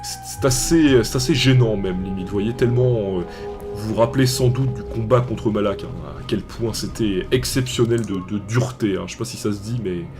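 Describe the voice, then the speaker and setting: A man's voice: lowish voice, normal speed, over music. A young man hosting a let's play, casual and rambling, often stumbling and restarting as he talks over gameplay. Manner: rambling, hesitant, restarts and fillers. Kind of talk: casual game commentary.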